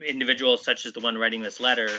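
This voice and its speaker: A man's voice: mid-range voice, little pitch movement, rapid-fire, bright, forceful tone, dull audio. A man speaking as a councillor in a council meeting, hesitant, with many fillers and restarts.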